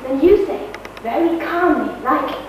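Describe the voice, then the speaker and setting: Woman doing a bossy little schemer daughter, really high voice, far away in an echoey hall. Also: animated, measured pace, a little mellow, a little hiss or hum. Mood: scheming. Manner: bossy, plotting. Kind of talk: amateur stage play.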